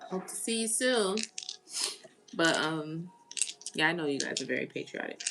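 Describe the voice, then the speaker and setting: Woman, lower voice with a gravelly edge, casual live-stream tarot host who chats with viewers. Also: animated, moderate pace, noisy background. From United States. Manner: chatty, greets viewers and reads comments aloud. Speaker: tarot reader.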